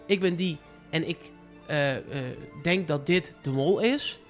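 Female podcast co-host, lowish voice, casual delivery, faint music behind. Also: unhurried. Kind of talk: casual chat.

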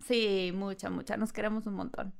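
A woman's voice: medium pitch, normal speed, gravelly. A woman, a podcast guest, telling a funny anecdote and acting out the voices, laughing often. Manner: lively storyteller, acts out voices and laughs often.

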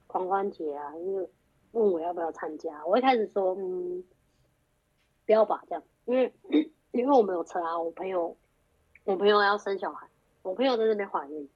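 A woman's voice: mid-range voice, brisk, breathy edge. A young woman, telling a story in a casual chat and acting out the quoted lines with animation. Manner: animated, acts out quoted dialogue. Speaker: guest. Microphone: group phone call. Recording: muffled lo-fi call audio.

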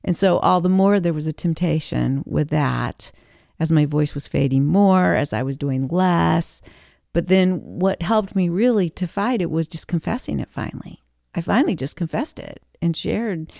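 A woman co-hosts a faith podcast and tells a personal story earnestly. Her voice is mellow and warm with a gravelly fry. The sound is dry and close. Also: fairly low pitch, moderate pace, no echo. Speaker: podcast co-host. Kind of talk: faith-based conversational podcast.

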